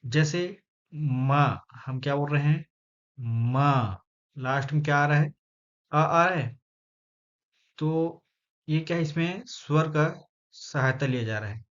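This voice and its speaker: A male teacher giving a grammar lesson, explaining step by step and slowly sounding out letters, often checking in with his listeners. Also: on the high side, a bit bright. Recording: dull lo-fi sound.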